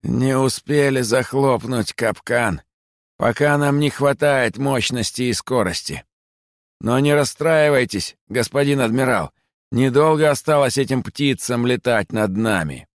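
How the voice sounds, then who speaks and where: A man voicing a fawning robot bat-rat spy with a nasty creaking voice. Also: mid-range voice, unhurried, dry recording, studio quality, voice pushed up, lightly acted.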